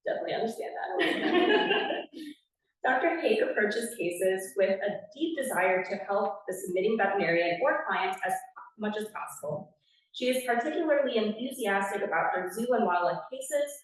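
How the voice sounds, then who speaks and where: Wisconsin lady reading award intros, mid-pitched voice, mic far off in a big boomy hall. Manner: announcing, reading scripted bios with brief asides. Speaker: award presenter. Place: large conference hall.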